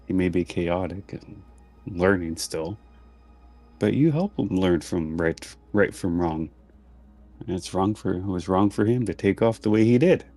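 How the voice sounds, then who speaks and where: Man playing a deep-voiced stern parental figure. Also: unhurried, warm tone, faint music behind. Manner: firm, clipped commands. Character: stern, parental dragon rider scolding a youngster.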